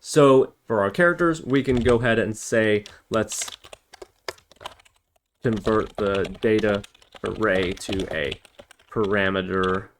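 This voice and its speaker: A man gives a casual screencast coding tutorial, thinking aloud while typing through each step as the instructor. His voice is fairly low and slow, with frequent pauses. Keyboard typing, mouse clicks and background hiss can be heard.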